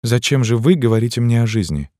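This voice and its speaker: A man with a deep voice reading an audiobook and voicing a proud, furious young woman prisoner who swings from icy coldness to screaming rage. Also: animated, quick pace, a little mellow, no room sound, clean studio sound, lightly acted. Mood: cold. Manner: cold, then screaming in rage.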